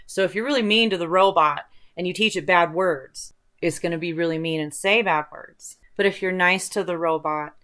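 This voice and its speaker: On the low side and fairly bright, this woman's voice moves at a moderate pace as she hosts her online video channel. She rambles in a chatty, casual manner, openly excited about her interests.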